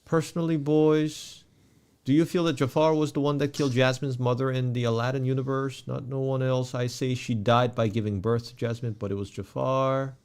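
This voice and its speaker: A man co-hosting a relaxed movie review podcast at a mid-range pitch. He reads listener comments out loud and keeps stopping to restart his sentences. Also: smooth. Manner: reads viewer comments aloud, halting, many restarts. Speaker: podcast co-host. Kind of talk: casual movie review chat.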